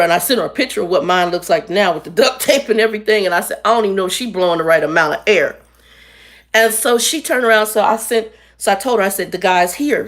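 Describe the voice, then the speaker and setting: A woman in her fifties telling a story to her viewers in a casual, animated way, often laughing. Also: mid-range voice. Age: 50s. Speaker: vlogger.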